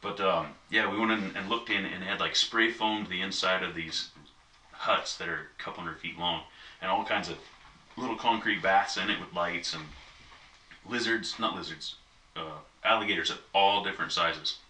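A man's voice: sits low, moderate pace, sharp tone. A man in casual chat, telling a long, easygoing story with many asides. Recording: echoey room, mic at a distance, faint noise.

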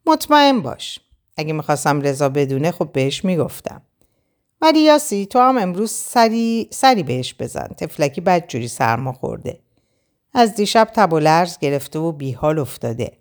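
A woman's voice: deep voice, darkish tone. A woman reading a sly, teasing young man. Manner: playful, teasing. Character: teasing young male friend, sly and warm. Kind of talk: audiobook character reading.

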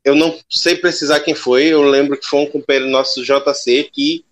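A man's voice: on the high side, fairly even intonation, normal speed, a bit bright. A man giving colloquial, emphatic sports commentary as a podcast panelist.

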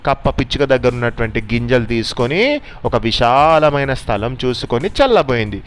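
A man's voice: mid-range voice, animated, normal speed. A man telling a bedtime story to a child, explaining things patiently as he goes.

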